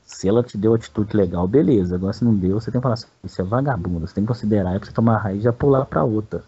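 A Brazilian man tells his story quickly in a dark, husky voice. He rambles, talks crudely and fills his speech with slang. The recording sounds dull and lo-fi. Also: lowish voice. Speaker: interviewee telling a personal story. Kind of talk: casual storytelling.

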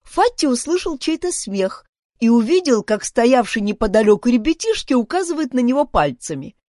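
Expressive woman reading a children's story. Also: a little high, normal speed, no echo, studio quality. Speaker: audiobook narrator. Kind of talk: scripted story narration.

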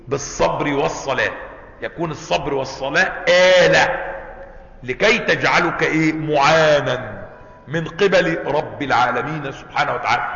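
A man with an Egyptian accent teaching a lesson on legal theory, asking his class questions and answering them himself, and slowing down to recite quoted verses. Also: fairly high pitch, sharp tone. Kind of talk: classroom lecture. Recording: echoey hall, slightly dull sound.

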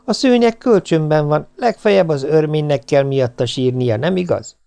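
A man's voice: on the high side, vocal fry, warm tone, clean tone. A man voicing a scatterbrained, carefree mother who chats airily in an audiobook. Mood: soothing.

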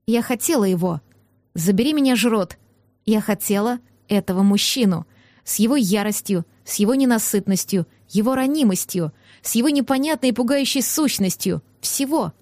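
A woman reading a novel aloud as first-person narrator, in an expressive storytelling manner. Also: a little high, no echo, studio quality. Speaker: audiobook narrator.

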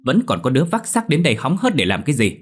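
A man's voice: low-pitched, expressive, a little fast. A man doing a fretful older villager. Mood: shouting angrily. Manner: rough-spoken, fretful. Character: anxious older male villager.

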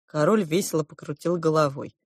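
A woman's voice: low-pitched, brisk, no echo, clean studio sound. Woman telling a children's story. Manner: expressive storytelling, shifting into character voices. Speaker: audiobook narrator. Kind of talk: scripted narration.

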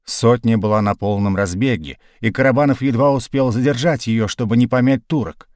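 A man reading a novel aloud as narrator, in a measured storytelling way. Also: medium pitch, no echo, clean studio sound. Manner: measured storytelling read, lively in action. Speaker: audiobook narrator. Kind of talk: scripted narration.

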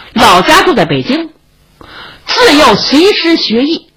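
A woman's voice: high voice, a bit bright, slight background noise, voice pushed up, heavily acted, rough recording. Woman doing a coaxing young swordsman. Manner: coaxing, chatty, a bit boastful. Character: young gallant male swordsman, kind and boastful.

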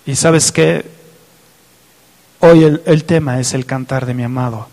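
A man's voice: mid-range voice, steady tone, unhurried, darkish tone, long reverb tail. A man preaching a fervent sermon, reading scripture aloud and asking his listeners direct questions. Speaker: pastor.

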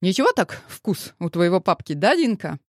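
A woman gives voice to a grown mother who speaks firmly, with a dry sarcastic edge. Her pitch moves a lot, and the recording is close and dry. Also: sing-song, moderate pace, dry recording. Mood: stern. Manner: firm, dryly sarcastic. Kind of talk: audiobook character voice.

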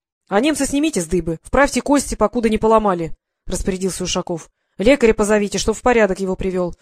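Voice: medium pitch, fast talker, no echo, lightly acted. A reader voicing a stern, powerful elderly male general who scolds and commands with sarcasm. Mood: commanding. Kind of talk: audiobook character voice.

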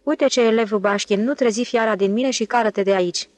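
A woman's voice: on the high side, darkish tone, no room sound, lightly acted. A woman reading as a brash swaggering con man. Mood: pushy. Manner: pushy, boisterous.

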